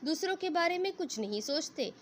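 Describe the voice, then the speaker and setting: Woman voicing a calm, scheming young woman. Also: high-pitched, a little hiss or hum, pitched above the performer's own voice. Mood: mocking. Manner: soft, mocking.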